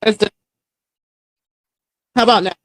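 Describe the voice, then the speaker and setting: A woman's voice: takes it slowly, no echo. A woman calling in to a casual review chat, her call breaking up and dropping out. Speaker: caller on a fan review show.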